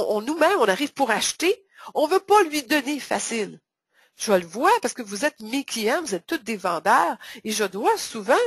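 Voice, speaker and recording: A woman with a Québécois accent leads a webinar for salespeople, leaning hard on key words and repeating them for emphasis. Her voice sits fairly high and has a breathy, husky edge. The sound is close and dry. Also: fairly bright tone, dry recording. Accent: Québécois French. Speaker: sales trainer hosting a webinar. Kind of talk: webinar presentation.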